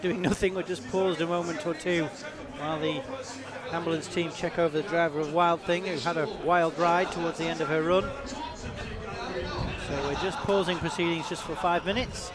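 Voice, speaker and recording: A man works as a tractor pull announcer, his voice pitched high for a man. He chats through the live event outdoors, with a loud crowd around him. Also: steady tone, normal speed. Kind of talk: live event commentary, chatty co-hosting. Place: outdoor motorsport arena.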